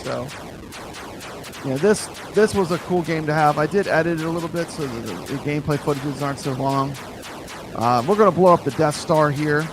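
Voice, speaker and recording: Enthusiastic man reviewing retro games, higher voice. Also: fairly quick, over music. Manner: enthusiastic, rambling, repeats words. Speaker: host reviewing a retro console. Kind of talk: casual gaming chat. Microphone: streaming with camera.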